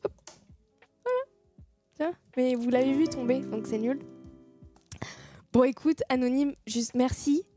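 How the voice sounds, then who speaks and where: A woman's voice: high-pitched, unhurried, pauses often, over music. A young woman streamer chatting casually with her viewers, swearing freely and thanking them as she goes. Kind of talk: casual live-stream chat.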